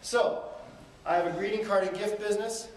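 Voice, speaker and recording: A man's voice: high voice, steady tone, moderate pace. A man giving a live seminar talk, telling stories and asking the audience rhetorical questions with lots of energy. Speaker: motivational speaker. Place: event hall. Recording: echoey room from far off, faint noise.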